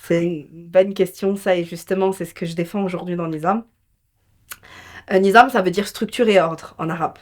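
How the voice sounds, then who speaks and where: With a lowish, steady voice at a moderate pace, this French entrepreneur and business mentor talks conversationally as an interview guest. She shares personal stories emphatically and colloquially.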